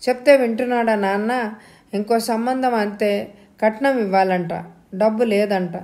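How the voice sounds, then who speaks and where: A woman reading an audio novel, voicing a quick-tempered, scornful elder sister who shouts at her younger sibling. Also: on the high side, fairly even intonation, close to an everyday voice. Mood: angry scolding.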